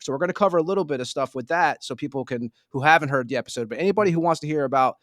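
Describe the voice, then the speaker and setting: A man's voice: fairly high pitch, rapid-fire, a bit bright, dry recording, clean studio sound. A man hosting a podcast in a casual, informal interview style, addressing the guest like a buddy. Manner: informal, says "man" often. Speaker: podcast host.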